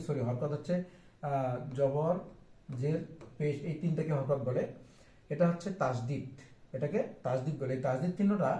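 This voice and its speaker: A man teaching the Arabic alphabet to beginners, patient and repetitive as he goes over each letter. His voice sits a little high for a man and rings in an echoey room. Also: warm tone. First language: Bengali. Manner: patient, repeats each point, mixes in English phrases. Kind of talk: explaining Arabic letters on a board.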